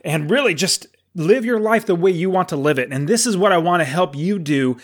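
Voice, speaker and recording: A man's voice: sits high, animated, a little fast. A man of forty hosting his podcast, talking in an enthusiastic, encouraging way, with some fillers and restarts. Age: 40s. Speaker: podcast host. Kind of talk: upbeat podcast monologue.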